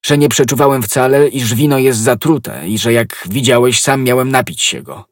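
A man's voice: mid-range voice, moderate pace, dry recording, studio quality, voice pushed up, close to an everyday voice. A man reading an audiobook, voicing an eager young swordsman who speaks urgently and earnestly, raised above his narrating voice.

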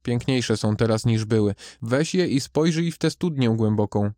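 A man reading the part of Death, a stern calm gardener of souls, in a grave measured voice. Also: mid-range voice, no echo, studio quality, lightly acted.

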